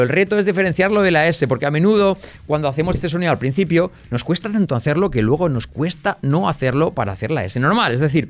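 A man teaching English pronunciation to the viewer, modeling sounds slowly and drilling them in repeated rounds. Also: fairly high pitch. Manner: speaks to the viewer directly and often checks in with "¿vale?".

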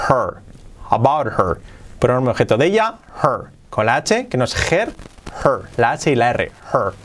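Male English teacher, native Spanish speaker, animated mid-pitch voice, slow repetitive drilling. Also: a little hiss or hum. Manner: lively, drills phrases slowly and repeats them. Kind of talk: casual video lesson.

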